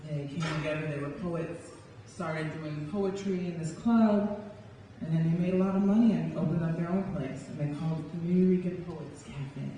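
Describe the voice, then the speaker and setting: This young spoken word poet has a low, warm voice and a moderate pace, reciting dramatically and rhythmically with strong emphasis. She performs live for an audience in a large indoor hall, and the noisy recording sounds echoey and far away.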